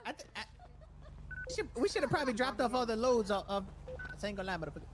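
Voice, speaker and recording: A woman's voice: a little high, big pitch swings, very fast. A woman chatting in a role-play game, hesitant and rambling with many fillers. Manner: hesitant, rambling, lots of uhs. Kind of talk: casual in-game banter.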